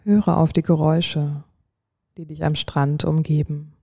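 A calm, soothing narrator guiding a relaxation dream journey like a sleep story, speaking in short, unhurried phrases with long pauses. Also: mid-range voice, vocal fry, no echo.

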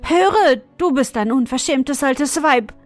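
Little boy, bold, indignant, scolding, high voice, fairy-tale audiobook, voiced by a woman. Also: unhurried, fairly bright tone, soft background music. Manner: scolding, cheeky.

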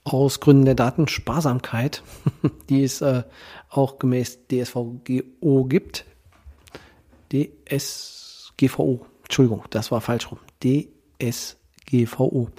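Nasal, stuffed-up male podcast host, mellow voice. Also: medium pitch, husky. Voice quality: nasal, congested from a cold. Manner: hesitant, halting delivery with many ehs and ums. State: has a cold. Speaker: podcast host, legal guardianship professional. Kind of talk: informal podcast monologue.

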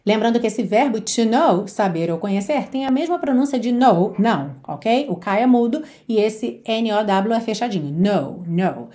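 A woman teaching English pronunciation, singing lyric lines slowly and repeating single words in a drawn-out way. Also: fairly high pitch, lively intonation, mellow. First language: Portuguese.

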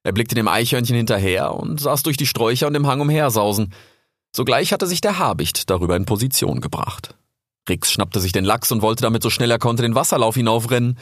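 A man calmly narrating a storybook aloud. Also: medium pitch, brisk, no room sound, studio quality. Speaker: audiobook narrator.

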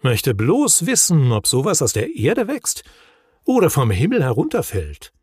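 A man voicing a calm, self-important troll father who speaks in a measured way in a storybook reading. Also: on the high side, husky, dry recording, clean studio sound, voice pushed up, exaggerated voice. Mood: wondering.

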